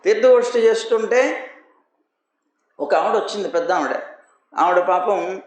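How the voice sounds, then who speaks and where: A man's voice: sits high, unhurried, roomy sound, rough recording. A man, a religious teacher, delivering a devotional sermon with anecdotes, emphatic and full of rhetorical questions and repetition. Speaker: religious teacher giving a scripture discourse.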